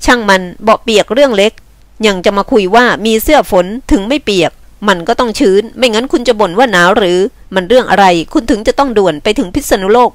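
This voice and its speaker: A brusque young man scolds in short, clipped lines in this audiobook scene, as a woman reader puts him on. The voice sits at a middle pitch and is recorded dry and close. His gruff tone stays protective. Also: dry recording, close to an everyday voice. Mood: curt. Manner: curt, scolding. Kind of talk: novel reading with voiced dialogue.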